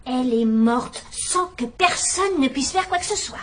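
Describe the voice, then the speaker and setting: Miss Marple, shrewd elderly sleuth. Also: female voice, high voice, lively intonation, unhurried, slight background noise. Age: older. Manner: gentle, wry, quietly probing. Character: shrewd elderly spinster sleuth, gentle and sharp. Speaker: amateur detective. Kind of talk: dubbed radio-style drama acting.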